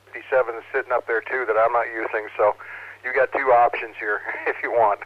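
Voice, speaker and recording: A man's voice: medium pitch, steady tone, brisk. A man casually hosting an amateur radio net as its controller, heard over radio. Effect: two-way radio. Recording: dull, lo-fi radio audio.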